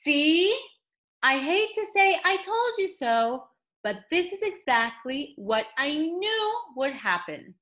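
Reading a picture book aloud to a child, a woman uses a theatrical storytelling style full of dramatic emphasis. Her voice sits high and swings widely in pitch, and she speaks slowly with a fairly bright tone.

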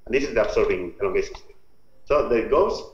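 A man from Spain's Basque Country with a Basque Spanish accent, giving an informal scientific lecture in a halting, step-by-step explanatory way. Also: lowish voice, expressive. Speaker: researcher presenting own work. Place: remote talk over video call. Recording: muffled, roomy video-call audio.

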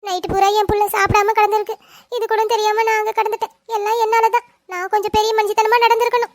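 A woman's voice: very high voice, little pitch movement, fast talker, no room sound, clean studio sound. A woman voicing a worried, fretful middle-aged mother in a cartoon family drama. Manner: fretful, complaining.

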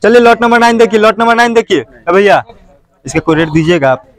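An expressive, high-pitched auctioneer moves briskly through repeated bid calls, chanting prices. He's running the sale of motorbikes on an outdoor lot crowded with them.

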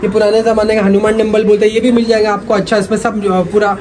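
Fast-talking high-voiced seller. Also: male voice, level tone, background noise. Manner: rapid repetitive sales patter. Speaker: gym equipment seller. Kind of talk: sales pitch walkthrough. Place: cluttered indoor shop full of weights.

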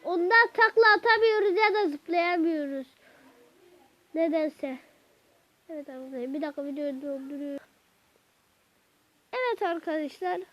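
A woman hosting a gaming channel, chatting to her viewers while she plays, with sudden excited outbursts at the game. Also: very high voice, normal speed, long pauses, dry recording. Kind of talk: let's-play gameplay commentary. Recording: dull lo-fi recording.

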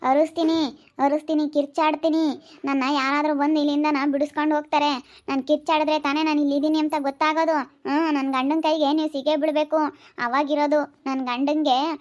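Defiant kidnapped wife, high-pitched and screaming curses, played by a woman with a Chitradurga Kannada accent. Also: little pitch movement, a little fast, dull audio, lightly acted. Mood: defiant cursing. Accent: Kannada, Chitradurga region. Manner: screaming, cursing, pleading for help. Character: defiant kidnapped young wife, cursing captors. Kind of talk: amateur village drama.

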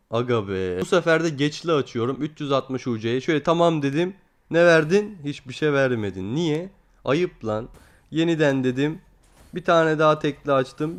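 A young man with a fairly high voice gives casual commentary over his own gameplay. He is excitable, scolds the game out loud and curses at it when it gives him nothing. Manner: excitable, swears at the game, talks to it directly. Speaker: gaming YouTuber.

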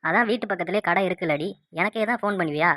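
A woman's voice: lowish voice, very fast, fairly bright tone, no echo, clean studio sound, close to an everyday voice. A woman voicing an irritated young husband in a cartoon, grumbling impatiently.

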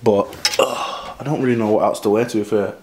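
A man's voice: lowish voice, steady tone, a little fast, a little mellow. A young man casually vlogging to a handheld camera, talking loosely and swearing. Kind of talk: casual vlog chat. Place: flat indoors, then outdoors at night. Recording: noisy handheld camera audio.

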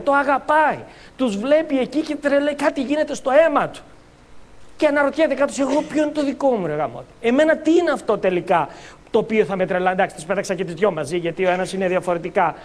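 A high-voiced Greek man speaks at a motivational seminar in a lively coaching style. He jokes with the crowd and acts out short scenes. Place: conference hall.

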